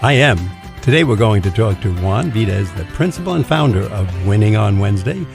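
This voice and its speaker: A man's voice: fairly low pitch, lively intonation, fairly quick, vocal fry, over music. A man hosting a community radio talk show, asking questions in a chatty way as he thinks aloud. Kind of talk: radio interview.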